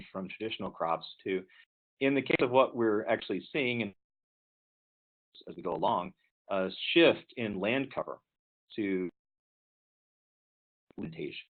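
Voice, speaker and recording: A man giving an online lecture, halting with fillers, his voice cutting in and out over a bad internet connection. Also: on the low side, animated. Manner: halting, with fillers and broken-off words. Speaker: presenter. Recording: tinny, phone-like online call audio.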